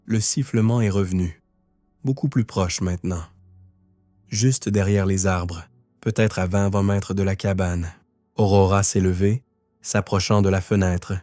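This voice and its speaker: A man narrates a first-person horror tale in a tense, measured voice. His tone is low and mellow, recorded close and dry, with faint music underneath. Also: fairly even intonation, no room sound.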